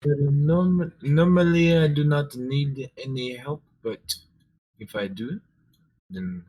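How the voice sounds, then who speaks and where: A man's voice: on the high side, takes it slowly, a little mellow, pitched above the performer's own voice, low-quality recording. A man voicing a polite female ship navigator and potion maker, speaking hesitantly with many fillers. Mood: confident.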